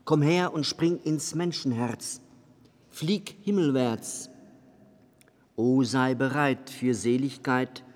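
A man voicing a small, sly gnome man in a red pointed cap, with cheeky, excitable exclamations. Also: mid-range voice, natural voice. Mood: incanting. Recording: long reverb with faint music behind.

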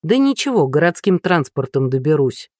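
A storyteller voicing a woman police captain, calm and delicate in tone but firm, in a plain, even voice. The audiobook narration is dry and close. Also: low voice, moderate pace, no echo. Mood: steady. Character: brisk, tactful female police captain.

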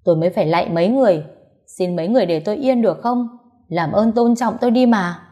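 Brief: woman playing an embittered sick old mother-in-law, loud, high and hurried, mellow tone. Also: muffled recording, lightly acted. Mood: furious. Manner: shouting, rapid, resentful. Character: bitter bedridden elderly mother-in-law, furious.

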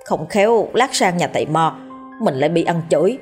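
A woman's voice: fairly low pitch, lively intonation, moderate pace, a little mellow, faint music behind, lightly acted. A woman voicing a timid young village man who grumbles and pleads. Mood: grumbling. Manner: whiny and pleading.

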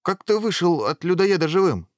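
A man doing a loud, guffawing guard. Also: sits high, big pitch swings, normal speed, no room sound, clean studio sound, pitched above the performer's own voice. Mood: boisterous. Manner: boisterous, guffawing. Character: jolly, loud male guard, always laughing.

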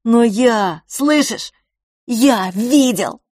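A woman voicing an impassioned young boy, a dreamer quick to anger, pleading near tears in an audiobook. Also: mid-range voice, darkish tone, no echo, studio quality, lightly acted. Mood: agitated pleading. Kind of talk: audiobook character voice.

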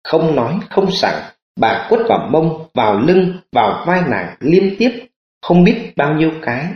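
A man narrating an audiobook in an expressive storytelling manner. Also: fairly high pitch, a little slow. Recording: roomy lo-fi audiobook recording.

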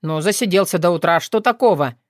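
An easygoing young man, as a woman narrator voices him, relaxed and placating. It is a low, plain reading voice, recorded dry and close. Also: a little fast, no room sound, lightly acted.

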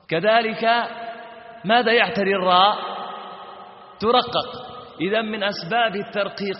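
A Libyan-accented man with a fairly high voice teaches Quran recitation, quizzing his students and answering for them. He intones the examples slowly and repeats them over and over. The audio is dull and lo-fi, with long reverb from a hall. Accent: Libyan Arabic. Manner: asks students questions and answers them himself. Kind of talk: recitation lesson with chanted examples.

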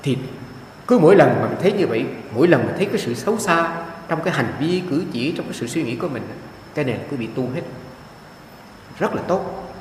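Man, dharma talk, slightly high voice, echoey hall from far off. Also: quick pace, slight background noise. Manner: lively storytelling, acting out quoted voices. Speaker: monk interpreting a dharma talk. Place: meditation hall.

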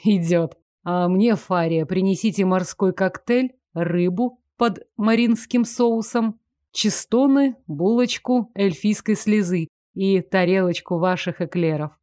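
A woman voicing a self-assured nobleman who speaks low and unhurried, with dry close sound. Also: mellow, dry recording, natural voice. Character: calm self-assured nobleman, gently commanding. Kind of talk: audiobook character voice.

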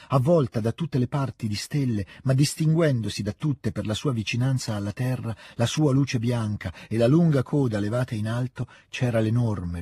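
A man reads a classic novel aloud, calm and measured, in a studio. His voice is very husky and dark, pitched low. The sound is dry and close to the mic. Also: no room sound. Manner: calm, measured literary reading. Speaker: audiobook reader.

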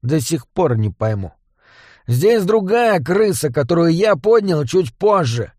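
A cocky little goblin sorcerer with a raised, fairly high voice, boastful and mocking, full of slang, as a male storyteller puts him on. The sound is dry and close. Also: very animated, measured pace, a little mellow, no echo.

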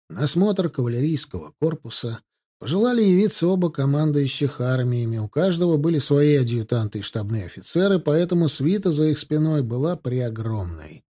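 Mellow-voiced male audiobook narrator. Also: mid-range voice. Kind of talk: scripted narration.

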